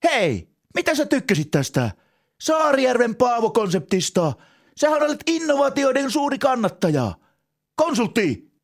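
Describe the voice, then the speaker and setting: A pushy, eccentric entrepreneur-gardener played by a man in a comedy sketch, pitching his odd ideas in a long ramble. His voice sits very high and swings widely up and down. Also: very animated, heavily acted. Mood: rambling.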